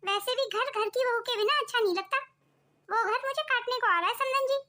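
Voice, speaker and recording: A woman's voice: extremely high pitch, fairly quick, pushed and bright. A woman voicing a strict, controlling middle-aged mother-in-law in a cartoon, bossy and lecturing. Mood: scolding. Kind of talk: cartoon voice acting.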